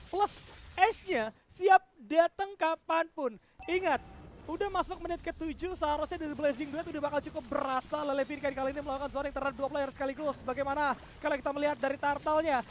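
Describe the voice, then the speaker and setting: A woman doing esports play-by-play commentary as an excitable fighting game announcer. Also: high-pitched, slight background noise.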